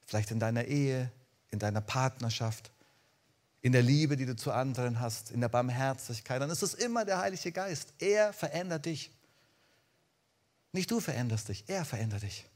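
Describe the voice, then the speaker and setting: A man preaching a lively sermon, talking straight to his listeners and swinging between loud calls and soft, hushed lines. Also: medium pitch, moderate pace.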